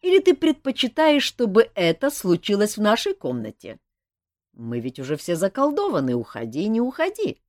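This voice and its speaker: A woman's voice: mid-range voice, wildly swooping pitch, normal speed, a little mellow, dry recording, studio quality, voice pushed up. Woman doing a cool-headed swordsman. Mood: calm. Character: cool-headed male swordsman, calm and reasoning.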